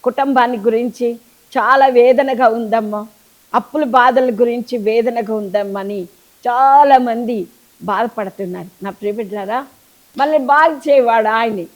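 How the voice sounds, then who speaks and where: A middle-aged woman preaches a sermon in a fairly high voice. She pleads fervently and repeats her phrases again and again for emphasis. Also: poor audio.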